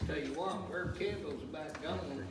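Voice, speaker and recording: A man's voice: a little high, normal speed, very noisy. A man working as an echoing cave guide, giving folksy, joking tour patter with colloquial grammar to a group. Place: inside a large echoing cave. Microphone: picked up from a distance by a visitor's camera. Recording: echoing cave, distant, group chatter behind.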